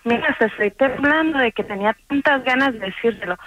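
A woman's voice: a little high, quick pace, a bit bright. Indignant woman caller on a phone line. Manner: indignant, insistent. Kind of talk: calling in to a radio show. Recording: muffled phone line with noise.

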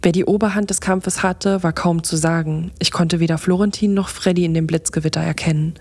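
A woman narrating a fantasy story in the first person, steady and expressive, as a podcast narrator. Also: lowish voice, brisk.

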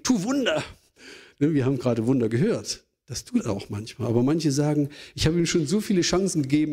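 A man's voice: medium pitch, a little mellow, husky. A man from Germany, a pastor, giving an earnest sermon with rhetorical questions.

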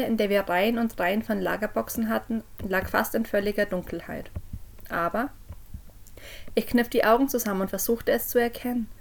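A woman narrating a creepy first-person story for a podcast, dropping low and quiet on the eerie moments. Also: creaky. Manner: drops low and quiet on eerie lines, raises voice for called-out quotes. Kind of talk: scripted horror story narration.

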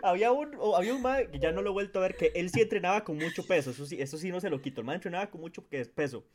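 A Costa Rican man hosting a relaxed podcast conversation, his voice sitting notably high for a man. He tells stories in a lively, animated way, breaking into imitated grunts and shouts. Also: rapid-fire, crowd noise. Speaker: podcast host. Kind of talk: casual chat.

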